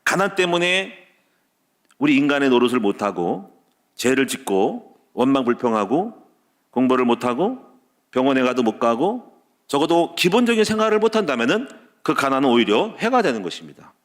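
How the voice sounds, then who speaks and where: A man's voice: medium pitch, sing-song, normal speed. Emphatic male pastor preaching. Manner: emphatic preaching with repeated short clauses; swings between loud exclamations and dropped quiet endings. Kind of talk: Wednesday service sermon.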